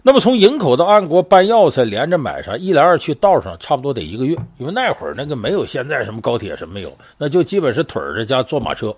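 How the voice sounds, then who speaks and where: Husky, lively Chinese storyteller man. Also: medium pitch, fast talker, few pauses. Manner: lively, conversational, acts out voices in the story. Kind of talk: casual spoken storytelling of a true crime case.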